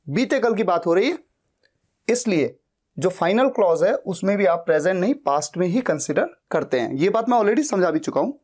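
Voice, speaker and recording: A man teaching grammar in Hindi, slow and deliberate, repeating phrases and asking rhetorical questions. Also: high voice, a little mellow. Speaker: English teacher. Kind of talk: Hindi-language English grammar lesson.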